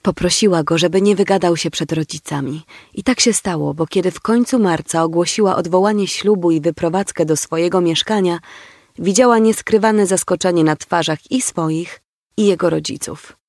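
A man narrating a novel in a steady storytelling manner. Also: high-pitched, moderate pace, no echo, studio quality. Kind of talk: audiobook narration.

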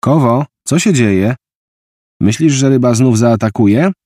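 A man voicing a steady young boy who calmly explains things. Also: mid-range voice, a little slow, dry recording, studio quality, pitched above the performer's own voice, natural voice. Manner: calm, explaining.

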